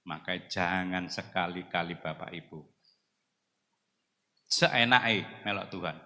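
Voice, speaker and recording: A man preaching a sermon, telling his own story, swinging between loud exhortation and hushed, emotional confession. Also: deep voice, slow pace. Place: large church hall. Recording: long hall reverb.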